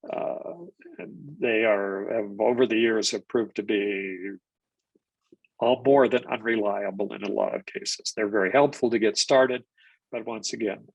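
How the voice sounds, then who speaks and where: An older man, stuffed up from a cold, presents a live genealogy webinar lecture, rambling with restarts and fillers. His low-side voice is gravelly and husky, and the recording is rough but free of echo.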